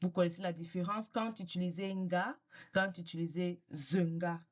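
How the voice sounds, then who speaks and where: A woman giving a casual language lesson, repeating words slowly and patiently and switching between French and English. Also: fairly low pitch, fairly even intonation, a little mellow. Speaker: language teacher.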